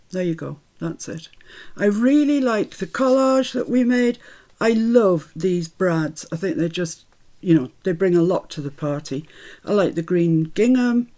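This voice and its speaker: Her voice sits fairly low and has a slightly mellow quality. She's a craft channel host, Scottish by birth with a mixed British accent from the Midlands, who talks cheerfully while she works and laughs often.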